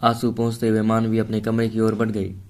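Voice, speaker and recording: A man narrating a dramatic Hindi love story at a steady storytelling pace. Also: fairly low pitch, a little fast.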